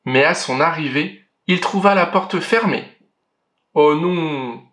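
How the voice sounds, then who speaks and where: A man reading a children's picture book aloud in a gentle, clear narration with a story-reading lilt. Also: fairly high pitch, normal speed.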